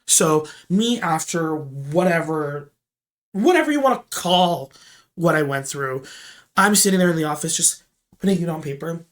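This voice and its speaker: Animated rambling storyteller, mid-pitched voice. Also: moderate pace. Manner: animated, swings between loud emphatic bursts and low murmurs; rambling with frequent "like" and restarts. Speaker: retail store manager telling a story. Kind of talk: storytime vlog.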